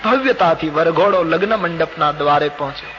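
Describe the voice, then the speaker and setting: Older man, Gujarati accent, devotional storytelling, somewhat high voice, faint hiss. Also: fairly quick. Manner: expressive, acts out dialogue of gods and characters. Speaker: storyteller preacher. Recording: dull lo-fi old recording with faint hiss.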